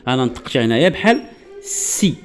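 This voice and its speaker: A man's voice: on the high side, sing-song, background noise. Patient Moroccan man teaching a lesson. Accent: Moroccan Arabic. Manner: patient, repetitive, checks understanding often; spells out and slowly repeats example words. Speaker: French teacher. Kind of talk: classroom-style lesson explanation.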